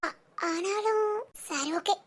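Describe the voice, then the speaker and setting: A woman playing a young wife who is sulking at her husband, scolding him sharply and musing softly to herself in a comic family skit. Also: very high voice, slow pace. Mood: puzzled. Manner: sharp scolding, then soft musing alone. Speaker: actress in a village family skit. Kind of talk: comic family drama acting.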